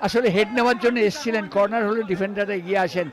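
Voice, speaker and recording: A man's voice: sits high, fairly even intonation, very fast. A man giving emphatic live football commentary, exclaiming on shots and goals. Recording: noisy outdoor ground with crowd din. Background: crowd and ambient stadium noise.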